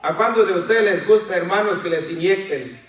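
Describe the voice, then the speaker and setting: A man's voice: sits high, moderate pace. A man preaching a sermon, asking the congregation questions and calling them brothers and sisters. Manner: acts out voices of children and believers in quotes. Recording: very echoey hall, voice from far off.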